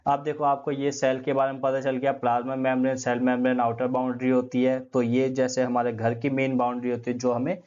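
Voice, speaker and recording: A man's voice: medium pitch, monotone, brisk, few pauses, darkish tone. A man giving a classroom lecture, asking questions and answering them himself, repeating key terms and using everyday comparisons. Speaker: teacher. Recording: dull lo-fi sound.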